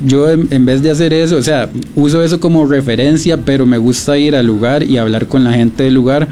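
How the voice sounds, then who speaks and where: Costa Rican man, mellow dark voice, hesitant, lots of fillers, faint background hiss. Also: mid-range voice, steady tone, brisk. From Costa Rica. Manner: thoughtful, hesitant with many fillers and restarts. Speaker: guest, beach documentary project creator. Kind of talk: radio interview, casual.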